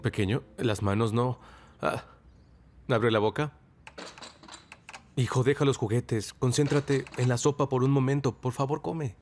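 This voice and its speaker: An actor playing a patient young man who gently coaxes a small child to eat, in a Spanish-dubbed TV drama. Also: mid-range voice, steady tone, measured pace, pauses often, a little hiss or hum, natural voice. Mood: coaxing. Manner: gentle, coaxing.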